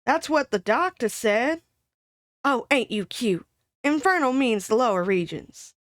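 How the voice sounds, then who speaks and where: A woman's voice: on the high side, animated, measured pace, fairly bright tone, dry recording, clean studio sound. A woman doing a gabby old-timey shopgirl. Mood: gossipy. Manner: gabby, colloquial, exaggerated storytelling. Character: chatty working-class young woman, comic, dramatic. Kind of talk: old-timey comic monologue reading.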